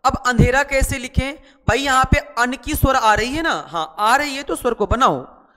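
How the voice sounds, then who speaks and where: A man's voice: extremely high pitch, normal speed, bright, forceful tone, big-room sound. A man teaching shorthand in a chatty online lesson, repeating words and asking and answering his own students' questions. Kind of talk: online lesson, explaining while writing.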